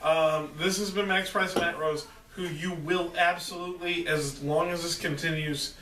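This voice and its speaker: A man's voice: on the high side, steady tone, moderate pace, noisy background. A man co-hosting a loose chat among comedians, wry and offhand. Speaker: co-host. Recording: echoey room from a far camera.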